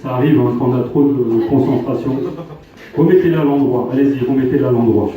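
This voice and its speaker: A man working as a stage hypnotist, his voice mellow and dark, giving slow, commanding suggestions and countdowns. He is picked up from far away in a very echoey live venue. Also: medium pitch. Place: live show at a campsite venue.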